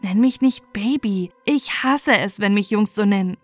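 A woman's voice: medium pitch, measured pace, no echo, soft background music, close to an everyday voice. Woman reading as a scared teenage girl. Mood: wary. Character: 18-year-old girl, defiant and frightened.

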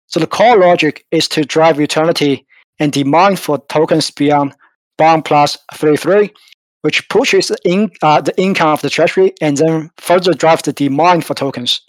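This man, a project team member, hesitantly explains the tokenomics of a token during a crypto community call, with plenty of fillers in a casual AMA manner. He speaks at a moderate pace in a voice on the high side. The audio is poor but has no echo.

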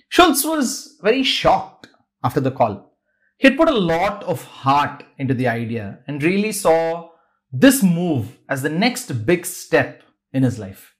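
A man narrates a scripted podcast story. His voice sits a little high and swings widely in pitch as he builds the drama. He shifts his pacing to suit the tale. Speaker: podcast host.

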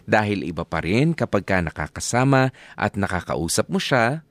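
A man playing a devoted, resigned husband and father, narrating a letter in a radio drama in a measured, sincere, reflective way. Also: fairly low pitch, big pitch swings, no room sound. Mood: wistful, resigned.

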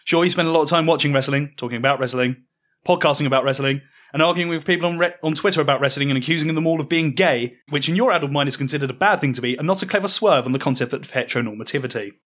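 Guy reading a mocking comedy story, kinda high, bright and sharp voice, deadpan. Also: rapid-fire. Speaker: podcast storyteller. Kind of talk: comic second-person narration.

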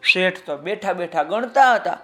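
A man with a high voice tells a children's story at an easy, slow pace. He talks straight to the young listeners in a lively way, with faint music underneath.

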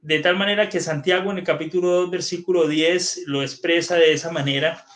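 A man's voice: on the high side, fairly even intonation, brisk, fairly bright tone. A male guest pastor giving engaging, sermon-like teaching, putting questions to the listeners. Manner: engaging, asks the audience questions.

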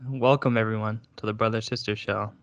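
A man's voice: on the low side, steady tone, a little fast, dry recording. A man co-hosting a casual chat, with a wry, teasing manner. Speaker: podcast co-host.

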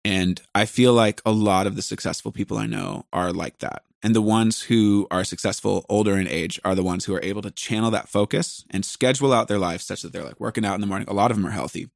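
A man's voice: lowish voice, fast, vocal fry, few pauses, no room sound, studio quality. A man hosting a podcast, talking casually in a rambling, self-deprecating way that jumps between thoughts. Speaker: podcast host and musician.

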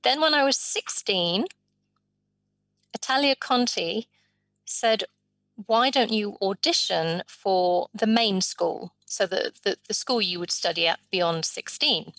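A woman voicing a guest's life story in an interview, in measured, drawn-out phrases. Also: medium pitch, a bit bright, no room sound.

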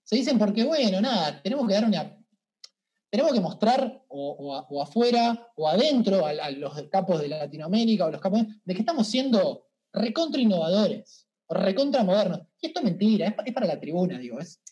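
An Argentine man speaks as a podcast guest, recounting his own experiences in lively, slangy Spanish. He keeps restarting his sentences as he goes, with the energy of a born storyteller. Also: high voice, fairly quick, highs cut off. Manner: animated, colloquial, frequent restarts. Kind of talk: casual interview storytelling.

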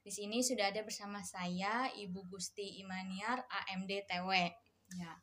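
Bright-voiced woman interview host. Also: mid-range voice, fairly even intonation, normal speed. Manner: friendly, chatty questioning. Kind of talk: casual interview hosting.

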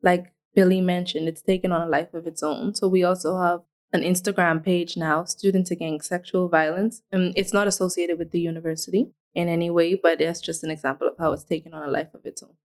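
Young woman from the Bahamas, low-pitched. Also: level tone, fairly quick, few pauses, a little mellow. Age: young adult. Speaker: student guest. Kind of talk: casual podcast chat.

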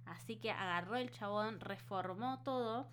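A woman's voice: medium pitch, normal speed, a bit bright. A woman with a Buenos Aires Spanish accent co-hosting a casual podcast in a colloquial, conversational way. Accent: Buenos Aires Argentine Spanish. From Buenos Aires, Argentina. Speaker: podcast co-host. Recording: clearly noisy with a hum.

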